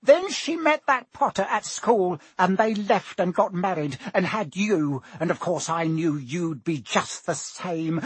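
Aunt Petunia, shrill bitter woman. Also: husky, dry recording, full character voice. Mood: spiteful. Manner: venomous ranting. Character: shrill, bitter, resentful middle-aged aunt, ranting venomously.

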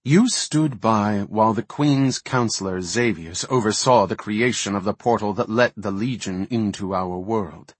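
Grave ancient elf archdruid, stern and reproachful, low husky voice, a man reading him. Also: lively intonation, a little slow, no echo.

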